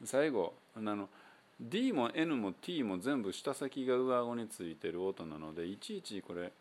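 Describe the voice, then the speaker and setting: This host speaks with a Kansai Japanese accent in a fairly low, animated voice while running an easygoing English pronunciation lesson. His talk rambles with plenty of fillers, then slows when he models individual sounds.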